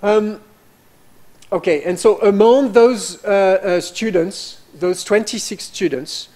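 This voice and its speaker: A man with as his presenting a doctoral program at an information session, halting with frequent fillers. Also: high voice, a little mellow. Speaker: program director.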